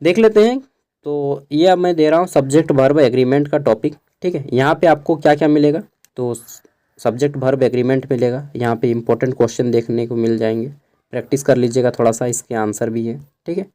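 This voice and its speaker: A man's voice: medium pitch, a little fast, mellow. A young man from Jharkhand with Khortha as his first language, giving a casual exam-prep lesson, spelling words out letter by letter and often checking that listeners follow. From Jharkhand, India. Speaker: teacher.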